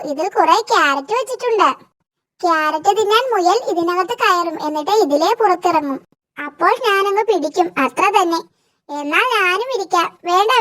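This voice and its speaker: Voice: very high voice, pushed and bright. A performer voicing cheeky, scheming cartoon jungle animals in a playful, giggling, sly way. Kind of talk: cartoon voice acting.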